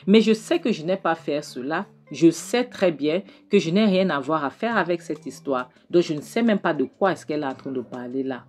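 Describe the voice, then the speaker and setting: An indignant middle-aged woman, played by a woman narrator insists over and over that she knows nothing. The voice is low, and faint music runs underneath. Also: expressive, moderate pace, hardly any pauses, a little mellow.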